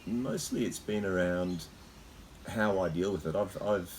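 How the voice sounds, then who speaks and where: An Australian man talking casually and haltingly as host, with a slight cold shiver in his voice as he sits in icy water. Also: deep voice, a little hiss or hum, low-quality recording. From Queensland, Australia. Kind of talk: casual unscripted talk. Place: sitting in a freezer full of icy water.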